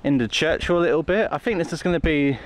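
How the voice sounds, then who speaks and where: Passing vehicles and street noise fill the background as this male vlog host strolls along outdoor village roads. He talks quickly in a slightly high voice, keeping his casual commentary dry and tongue-in-cheek.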